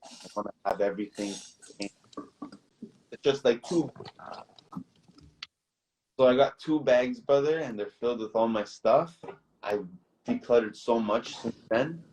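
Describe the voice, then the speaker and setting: A man's voice: mid-range voice, measured pace, long pauses, darkish tone, poor audio. A young man from Toronto, a guest recording artist, chatting in an easygoing, rambling way and calling the host bro and man. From Toronto, Canada. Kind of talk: casual interview chat.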